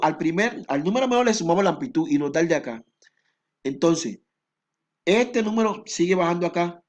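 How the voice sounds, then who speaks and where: A male math teacher, explaining a statistics lesson patiently step by step. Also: fairly high pitch.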